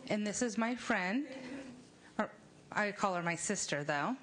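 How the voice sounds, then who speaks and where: A woman testifying at a public hearing, speaking slowly in a halting, deliberate way. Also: mid-range voice, lively intonation, a bit bright. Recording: busy crowd noise around the mic.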